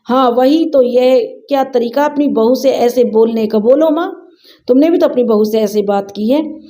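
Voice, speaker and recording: A woman's voice: on the high side, normal speed, mellow, close to an everyday voice. A woman voicing a young man who scolds his mother for the sake of his new wife, in an indignant tone.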